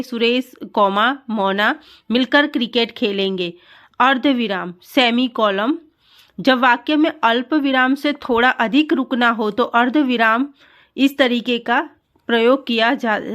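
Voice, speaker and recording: A woman teacher giving an online grammar lesson, reading example sentences slowly and explaining them step by step, with English grammar terms mixed in and quick apologies when she corrects herself. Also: a little high, fairly bright tone.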